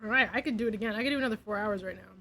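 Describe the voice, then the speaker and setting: A woman's voice: mid-range voice, racing, creaky, bright, forceful tone, poor audio. A young woman streaming, chatting casually and giggly, sometimes dropping to a near whisper. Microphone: desk mic.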